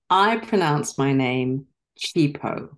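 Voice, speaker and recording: A middle-aged woman from Zimbabwe, an actress and guest, chatting on a video call from a dim room at home. She speaks articulately and reflectively, with soft laughs and filler ums. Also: sits low, expressive, extremely slow. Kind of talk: casual interview chat.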